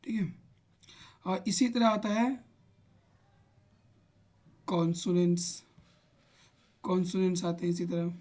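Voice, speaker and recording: A man's voice: high voice, takes it slowly, pauses often, a little mellow. A man teaching an online grammar lesson, patiently repeating examples aloud as he types on screen. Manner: talks while typing on screen.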